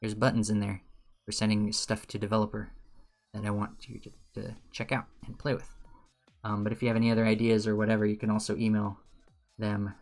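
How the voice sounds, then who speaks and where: A man's voice: on the low side, completely flat delivery, a little fast, soft background music. A man who teaches, chatting casually while streaming game development, rambling, with dry sarcastic asides. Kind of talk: casual livestream chat.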